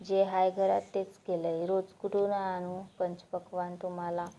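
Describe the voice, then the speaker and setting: Woman doing a fed-up village wife, scolding, low voice, dull lo-fi sound, storybook. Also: level tone, normal speed, warm tone, natural voice. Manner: scolding, exasperated. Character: fed-up village wife, sharp-tongued and tough. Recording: dull lo-fi recording.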